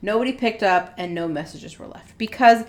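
A woman's voice: medium pitch, moderate pace. A young woman co-hosting a podcast, chatting casually and with many fillers as she tells a true-crime story. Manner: chatty, acts out quotes in a loud drunk voice. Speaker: podcast co-host.

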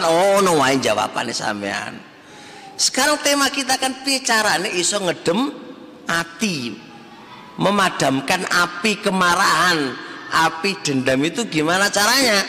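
A man's voice: high voice, pushed and bright. A man giving a conversational sermon to a study circle, often asking the audience questions. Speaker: Islamic teacher. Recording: long hall reverb.

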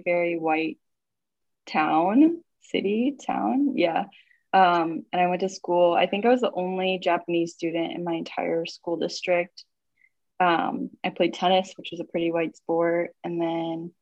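In a dry, dull recording, a young woman from Missouri, United States, with a fairly low-pitched voice, is interviewed casually about her life. She sounds easygoing and reflective, her speech full of "um"s and "like"s.

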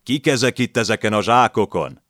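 A rough, barking detective, as a male narrator puts him on, loud and brusque. The voice sits a little higher and harder than the narration. The reading is dry and close. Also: very animated, dry recording. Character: gruff, brusque police detective, grown man.

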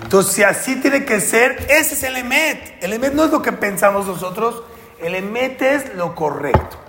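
A man's voice: sits high, normal speed. Rabbi quizzing his class. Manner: animated, keeps quizzing listeners with "sí o no". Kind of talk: classroom Torah lesson. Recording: echoey hall with faint noise.

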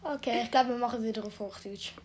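A woman's voice: on the high side, quick pace, slight background noise. A teenage girl co-hosting a homemade podcast, chatty and giggly in casual talk. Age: teens. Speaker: podcast co-host. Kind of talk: casual chat.

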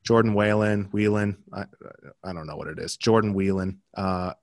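Basketball results are the topic as a young American podcast co-host talks casually, with many fillers and restarts along the way. His lowish voice moves at normal speed, and the sound is dry and clean studio quality.

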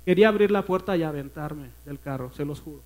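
Man, Mexican accent, high-pitched, church testimony sermon, earnest, emotional, often hushed. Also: quick pace, rough recording. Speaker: preacher giving testimony. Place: church service.

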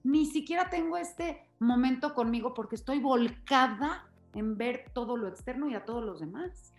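A woman's voice: sits high, moderate pace, echoey room, faint music behind. A woman host, explaining things earnestly and with emphasis in a conversational interview.

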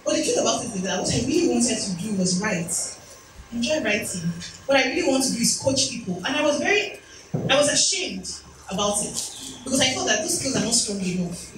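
A woman in her thirties gives a motivational talk in an event hall, sharing personal stories with chatty, self-deprecating asides. Her fairly high voice is very animated and fairly quick. It's recorded from far off in a noisy, echoey room.

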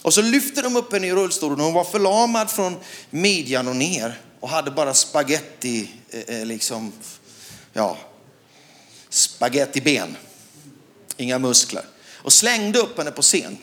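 A middle-aged man from Sweden preaches with a lively, swooping voice that sits fairly high. He tells his story with animated delivery, climbs to loud shouts and keeps asking the congregation whether they follow him. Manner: animated storytelling, rising to loud shouts, asks the crowd questions. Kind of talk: sermon with a personal story.

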